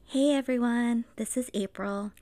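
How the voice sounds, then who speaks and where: Born in the Philippines and raised in Los Angeles, a woman in her thirties reads a scripted podcast intro as co-host. Her slightly high, mellow voice sounds earnest and measured.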